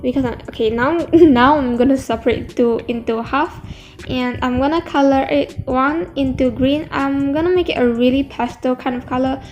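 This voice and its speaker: A high-voiced woman talks through a hands-on craft tutorial with braces on her teeth. She is casual and hesitant, often correcting herself, and music plays behind her. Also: a little mellow, highs cut off. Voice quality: speech slightly affected by new dental braces. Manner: halting, self-correcting, hesitant.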